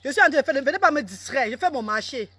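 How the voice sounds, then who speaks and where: A woman, selling products on a casual live stream in loud sing-song sales calls with chatty asides to commenters. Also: high voice, expressive, quick pace, dry recording. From Cameroon. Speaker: online seller on a live stream.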